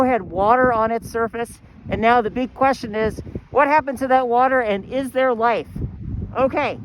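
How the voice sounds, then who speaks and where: A woman's voice: high-pitched, poor audio. A woman teaching a walking astronomy lesson outdoors on a campus, out of breath and explaining with enthusiasm. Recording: wind noise outdoors.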